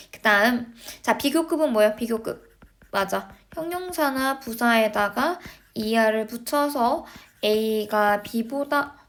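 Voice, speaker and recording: A woman with a fairly high voice teaches a recorded lesson to middle school students. She explains step by step and keeps checking in with quick tag questions to make sure they follow. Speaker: English teacher.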